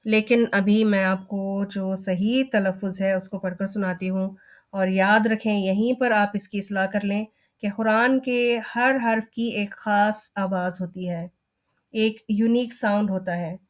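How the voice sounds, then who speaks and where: A woman's voice: mid-range voice, steady tone, unhurried. A woman teaching an online recitation lesson, explaining each term patiently and step by step.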